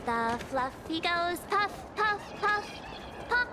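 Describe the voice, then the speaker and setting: Super high squeaky sidekick, bouncy and dramatic, pitch jumps around. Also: female voice, animated, slow pace, background noise, heavily acted. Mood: excited. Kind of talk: game voice acting. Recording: game audio over loud music.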